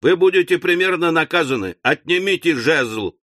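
A man's voice: fairly high pitch, expressive, moderate pace, a bit bright, no room sound, clean studio sound, voice pushed up. A man voicing a pompous, irascible provincial magistrate who blusters and bullies, in an audiobook. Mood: blustering. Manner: blustering, bullying. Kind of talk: audiobook character voice.

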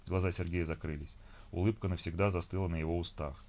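A man reading an audiobook in measured scripted narration. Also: deep voice, steady tone, darkish tone.

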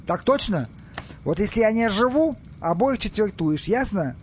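A man doing a shouting, bullying pharaoh. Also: high-pitched, lively intonation, moderate pace, a little hiss or hum, voice pushed up. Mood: threatening. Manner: barking threats and orders. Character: haughty, hot-tempered male pharaoh, bullying. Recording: dull lo-fi audiobook recording.

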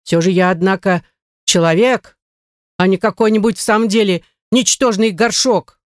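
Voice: mid-range voice, normal speed, no echo, studio quality, lightly acted. A reader voicing a wordy, self-pitying middle-aged male shoemaker in an audiobook, complaining at length. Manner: lamenting, long-winded. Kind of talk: audiobook character reading.

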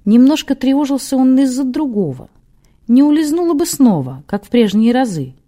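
A woman narrating an audiobook in a measured, lively storytelling manner. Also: sits high.

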